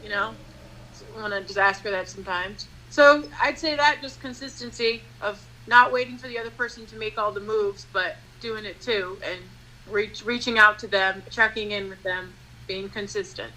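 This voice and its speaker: Bright, earnest woman giving advice. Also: medium pitch, fairly even intonation, normal speed, poor audio. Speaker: podcast guest. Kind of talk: casual conversation.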